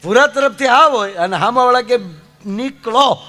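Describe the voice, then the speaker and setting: Middle-aged male folk comic, high voice, animated storytelling. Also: normal speed. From Gujarat, India. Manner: chatty, animated storyteller who puts on voices of village characters. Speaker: folk comedian.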